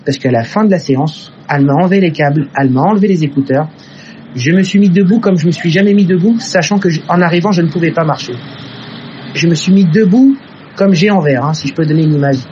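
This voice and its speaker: A man's voice: fairly high pitch, fast talker, darkish tone, highs cut off, a little hiss or hum. A man telling an emotional personal story in an earnest way. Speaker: testimony teller. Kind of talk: personal testimony.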